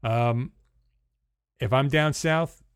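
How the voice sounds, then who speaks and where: A man's voice: mid-range voice, very slow, clean tone, no echo, studio quality. Man with a New Jersey accent coaching. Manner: conversational, numbered tips, frequent restarts. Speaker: sales coach. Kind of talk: instructional talk.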